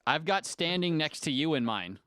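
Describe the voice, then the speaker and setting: A man with a bright, sharp tone and a lively, high-ish voice, jostling competitively with friends on a video call. He sounds cheeky and quick to push back. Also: clean tone. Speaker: youth pastor, game player. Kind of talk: casual group chat.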